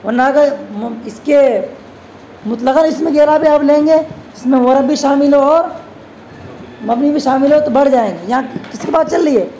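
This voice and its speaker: Woman teacher with a high mellow voice, keeps asking the class questions and answering, calls students beta. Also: normal speed, a little hiss or hum, poor audio. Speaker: religious teacher. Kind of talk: classroom grammar lesson.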